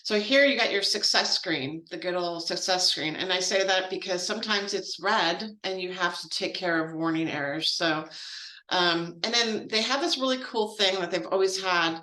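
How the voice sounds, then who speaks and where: Chatty woman trainer, bright tone. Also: lowish voice, normal speed, reverberant, rough recording. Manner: chatty and informal, with frequent fillers and asides. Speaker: grants trainer. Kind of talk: casual software training walkthrough.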